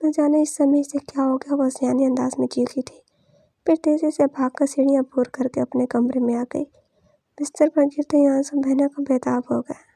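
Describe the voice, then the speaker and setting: A woman narrating a romance novel in a steady storytelling manner, reading it as an audiobook. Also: high-pitched, normal speed, vocal fry, no room sound, studio quality.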